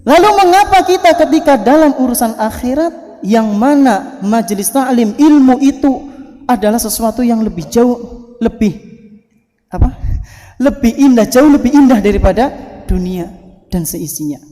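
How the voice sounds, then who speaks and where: A man's voice: very high voice, animated, normal speed. Javanese-accented male preacher in an echoing hall. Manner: storytelling with playful asides, acting out shouts. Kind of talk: sermon. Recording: hall reverb.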